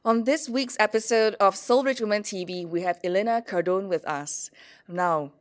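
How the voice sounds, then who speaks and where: A woman's voice: mid-range voice, moderate pace, faint music behind. A woman hosting a podcast interview, speaking in an upbeat, promotional way. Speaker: podcast host. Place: hotel in Singapore.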